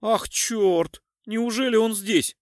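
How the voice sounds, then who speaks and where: Man voicing an excitable cop partner. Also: fairly high pitch, normal speed, no room sound, studio quality. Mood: alarmed. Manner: excited, loud, slangy. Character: excitable male police partner, loud and blunt.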